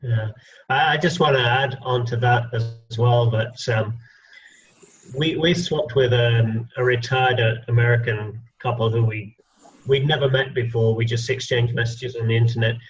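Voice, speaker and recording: A man, a guest house sitter, speaking thoughtfully with many pauses in casual panel chat over a video call. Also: mid-range voice, fairly even intonation. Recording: dull lo-fi audio.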